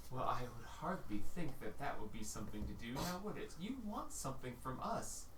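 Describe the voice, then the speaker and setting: A man's voice: medium pitch, sing-song, a little fast, fairly bright tone. Man voicing an unearthly, taunting unseen being. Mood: mock-polite. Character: unseen echoing taunting being, smooth and mock-polite. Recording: roomy, distant mic, faint noise.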